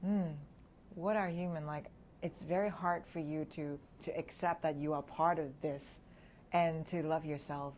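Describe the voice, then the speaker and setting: Reflecting openly in an interview, this Hong Kong woman in her thirties lets soft laughs slip between her thoughts. She speaks at a measured pace in a low, steady voice, over a little hiss or hum.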